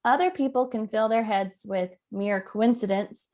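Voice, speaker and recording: A woman co-hosting a podcast, upbeat, reading announcements and quotes smoothly. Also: a little high, normal speed, a little mellow. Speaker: podcast co-host. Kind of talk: podcast chat and read announcement.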